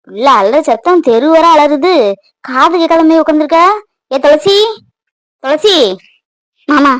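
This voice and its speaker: A woman's voice: high-pitched, dry recording. Woman voicing a pleading young mother. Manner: pleading, soft and emotional. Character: young married mother, tender and worried.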